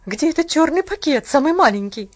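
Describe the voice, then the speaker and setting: A woman voicing a stern, bitter middle-aged aunt in mourning, talking sharp and clipped like she's giving orders, read aloud in a storybook. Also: high-pitched, very animated, fairly quick, dull audio. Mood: curt, bitter.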